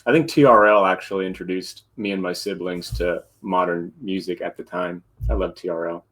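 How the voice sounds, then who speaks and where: A man's voice: low-pitched, steady tone, fairly quick, fairly bright tone, low-quality recording. Guy in his 30s co-hosting a podcast, rambly chill storyteller. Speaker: podcast co-host. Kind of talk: casual chat.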